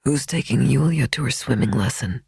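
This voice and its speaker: Man as a kind drowsy husband, husky and dark, murmured lines. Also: mid-range voice, moderate pace, no room sound, clean studio sound. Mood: gentle. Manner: soft murmuring. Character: gentle sleepy husband in bed.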